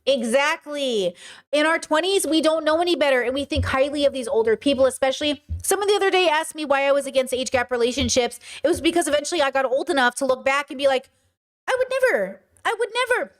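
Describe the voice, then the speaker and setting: A high-pitched woman in her thirties hosts a live stream and talks straight into it. She rants bluntly, swears freely and answers chat in a fast, casual commentary. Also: expressive. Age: 30s. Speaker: streamer host.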